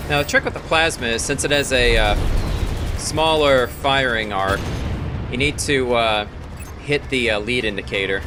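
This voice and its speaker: A man's voice: medium pitch, normal speed. A man giving casual, explanatory gameplay commentary in a matter-of-fact way. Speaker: let's play host. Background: game music and battle effects.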